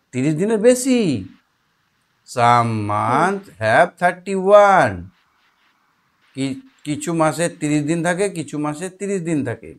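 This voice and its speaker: A man teaching a young child their homework, asking questions patiently and explaining slowly. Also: on the high side.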